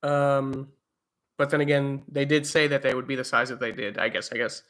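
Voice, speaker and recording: Bright-voiced man chatting on a livestream. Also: medium pitch, little pitch movement, moderate pace. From eastern United States. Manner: rambling, lots of fillers and restarts. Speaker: livestream host. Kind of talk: casual live chat reading viewer comments. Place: home, indoors.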